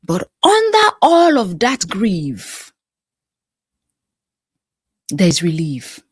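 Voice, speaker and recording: A woman's voice: mid-range voice, slightly rough, no echo. Woman life coach, motivational delivery, preacher-like rhythm with whispered asides, dry recording. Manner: emphatic, repetitive, preacher-like cadence with pauses. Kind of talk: motivational talk to camera.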